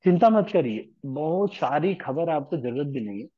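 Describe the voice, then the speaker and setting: A man leads a devotional scripture class, his voice sitting a little high for a man. He talks in a relaxed, everyday way and keeps asking his listeners rhetorical questions. The recording is muffled and lo-fi. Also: normal speed. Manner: conversational, asks rhetorical questions. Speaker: lecturer on scripture. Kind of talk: devotional Hindi lecture.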